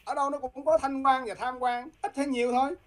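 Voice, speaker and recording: A woman speaks quickly, pressing her points in a heated, combative flow. Her voice sits a little high, and she keeps challenging her listeners with repeated, pointed questions. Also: fairly even intonation. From Vietnam. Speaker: guest. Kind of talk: heated political talk.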